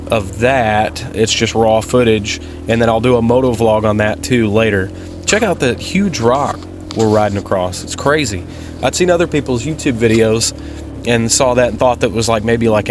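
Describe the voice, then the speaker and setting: A man with a mid-pitched voice talks through a motovlog in a casual, folksy style. He rambles along in an easygoing way, like someone chatting to friends. Clear vehicle and outdoor noise runs through the recording. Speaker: motovlogger and amateur off-road racer. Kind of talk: casual vlog commentary over race footage.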